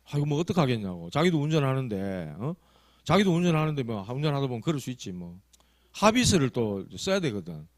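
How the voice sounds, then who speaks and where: Storytelling Korean pastor with lively pitch. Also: male voice, brisk, no room sound. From South Korea. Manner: storytelling, conversational with rising emphasis. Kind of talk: sermon. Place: church sanctuary.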